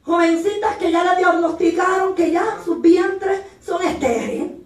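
A woman evangelist giving an impassioned Pentecostal sermon, rising to shouts at times and acting out the voices of others. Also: very high voice, a little slow. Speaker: evangelist preacher. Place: church. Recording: echoey church hall, mic at a distance.

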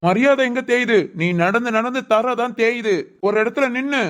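A wry, weary husband in a Tamil family cartoon who answers every complaint with sarcasm and mutters asides. Voiced by an actor, it stays at a middling pitch. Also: moderate pace, a bit bright, close to an everyday voice. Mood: teasing. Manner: sarcastic, grumbling. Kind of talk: cartoon voice acting.

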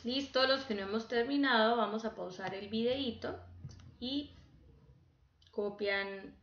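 A woman teacher speaks with slow, patient care and counts syllables out loud. Her voice is bright and sits a little high. The recording sounds echoey and dull, like a low-fi class video. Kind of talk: online class lesson.

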